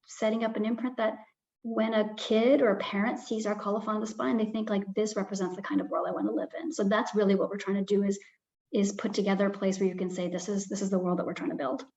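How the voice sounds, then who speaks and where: A woman's voice: mid-range voice, a little fast, darkish tone. A woman publisher speaking on a panel, thoughtful, with frequent ums and restarts. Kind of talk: panel talk. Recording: slightly dull lo-fi sound.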